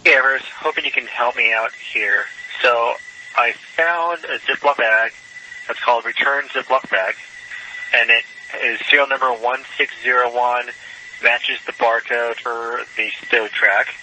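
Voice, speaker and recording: Very sharp male astronaut on crackly space radio. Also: medium pitch, fairly even intonation, a little slow. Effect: crackly space radio link. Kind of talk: procedural space-to-ground radio communication. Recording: hissy, noisy space-to-ground radio.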